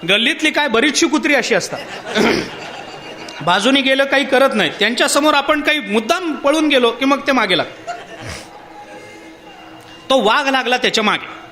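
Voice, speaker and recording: A man's voice: very high-pitched, moderate pace, pauses often. A man giving a devotional discourse, telling a parable and putting rhetorical questions to his listeners. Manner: poses rhetorical questions to the audience; animated storytelling with parable. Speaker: spiritual discourse speaker.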